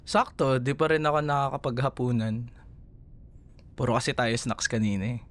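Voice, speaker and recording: Close to an everyday voice, slightly bright and medium in pitch with little movement, a Filipino-accented man talks at a moderate pace. He's playing an affectionate, playful young boyfriend comforting a scared partner in an intimate, one-sided ASMR roleplay, teasing and tender with frequent chuckles.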